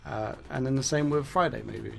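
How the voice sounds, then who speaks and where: With a medium-pitched, creaky, slightly bright voice, a man talks at a moderate pace, a faint hiss or hum in the background. As a gaming YouTuber he rambles casually, self-corrects, swears and then laughs it off. His voice is worn and fading as he loses it.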